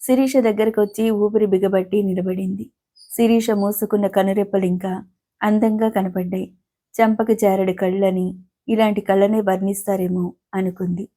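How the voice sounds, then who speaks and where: A woman narrating an audio novel in a steady, unhurried storytelling manner. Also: mid-range voice.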